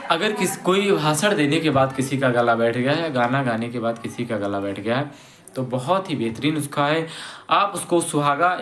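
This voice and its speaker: Speaking informally to camera, a man who hosts an Ayurveda health channel explains things with plain instructions. His voice is mid-range, and he pauses often and corrects himself repeatedly.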